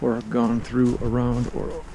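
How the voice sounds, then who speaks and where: A man's voice: medium pitch, completely flat delivery, unhurried, gravelly. A middle-aged man narrating his hike to an action camera on a foggy mountain trail, wry and casually swearing. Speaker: hiker filming his trip. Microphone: action camera carried while hiking. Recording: dull lo-fi audio with loud wind noise.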